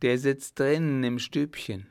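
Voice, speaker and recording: Brief: man doing a defiant young acrobat woman, sneering, slightly gravelly, slow and pointed. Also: mid-range voice, voice pushed up. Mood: scornful, defiant. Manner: sharp, sneering retorts. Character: defiant young female tightrope artist, scornful. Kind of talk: audiobook character voice.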